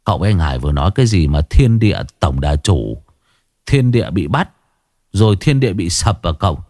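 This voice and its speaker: A man's voice: sits low, big pitch swings, brisk, a little mellow, dry recording, studio quality. A man voicing a dim-witted, half-deaf young helper asking confused questions.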